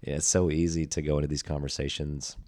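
A man's voice: rumbling low, level tone, quick pace, a little mellow. A man hosting a podcast interview, talking reflectively and searching for his words as he wraps up. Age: adult with a young son. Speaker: podcast host.

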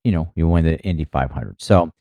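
Man, deep voice, mellow tone, rambling casual podcast chat, lots of fillers. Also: brisk, gravelly, no echo, studio quality. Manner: rambling, filler-heavy, many "you know"s. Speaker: podcast co-host, former racing team member.

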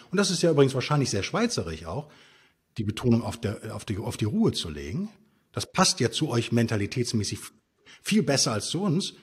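A man's voice: a little high, husky. A man, a guest author, explaining ideas in an emphatic, conversational interview style with rhetorical questions. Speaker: podcast guest, stoicism author.

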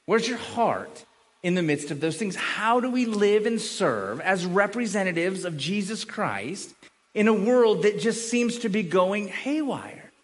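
His voice is high and animated, yet his pace stays measured as this middle-aged pastor gives a conversational sermon. He keeps repeating and restarting words while earnestly explaining to the congregation in a large room, where the recording carries a long hall reverb.

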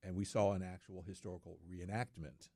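A man's voice: low voice, flat delivery, fairly quick, darkish tone, no echo. A middle-aged man in casual studio talk, speaking earnestly and repeating words for emphasis.

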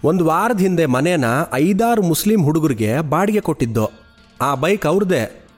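A man's voice: fairly high pitch, lively intonation, normal speed, faint music behind, voice pushed up. A man voicing a wary middle-aged village woman answering questions at her door.

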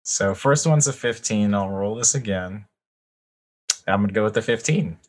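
A man's voice: on the low side, normal speed. A man playing a tabletop game, hesitant and thinking aloud. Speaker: player. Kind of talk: casual game chat.

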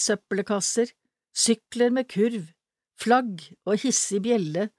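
A woman's voice: medium pitch, darkish tone, no echo. Woman reading a story aloud, dry sound.

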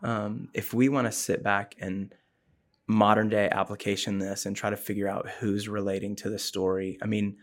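A man's voice: on the low side, flat delivery, normal speed. A man hosting a casual Bible discussion, explaining the passage in an earnest, thoughtful way. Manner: earnest, explanatory, often says "um" and "like". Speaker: podcast host discussing the Bible.

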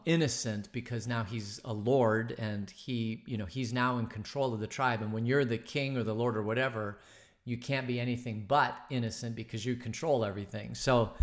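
A man's voice: mid-range voice, fairly bright tone. A man leading an informal Bible study, talking it through conversationally with fillers and restarts, and acting out the characters' lines as he retells the story. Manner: conversational, thinking aloud with many fillers and restarts; acts out the characters' lines in quoted voices. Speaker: Bible teacher.

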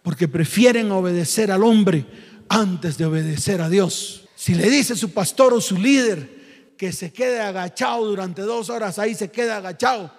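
High-voiced preacher, emphatic. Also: male voice, normal speed, in a large hall. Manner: emphatic call-and-response preaching. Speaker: pastor. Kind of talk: sermon. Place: church.

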